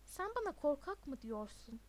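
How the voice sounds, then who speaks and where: A woman's voice: high-pitched, very animated, normal speed. A woman reading a storybook, voicing a nervous, rule-bound teenage schoolboy with an anxious, indignant tone.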